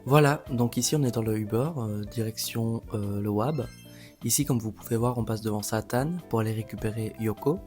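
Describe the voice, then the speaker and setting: A man's voice: lowish voice, moderate pace, music in the background. A young man chatting casually for a vlog in a wry, campy drag queen manner. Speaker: drag performer and vlogger.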